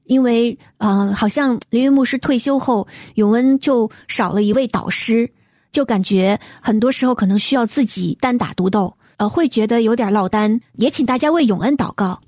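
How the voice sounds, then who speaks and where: Gentle, mellow-voiced woman radio host. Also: on the high side, dry recording, studio quality. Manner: gentle, measured, reads letters aloud. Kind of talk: reading listener letters on a faith program.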